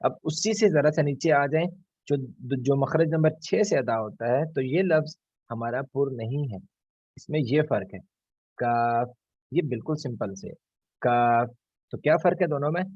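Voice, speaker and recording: A man teaching an online Quran recitation lesson. He patiently models each letter sound slowly and repeats it for his students. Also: fairly high pitch, expressive, a little mellow, husky, no room sound, highs cut off. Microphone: online class call.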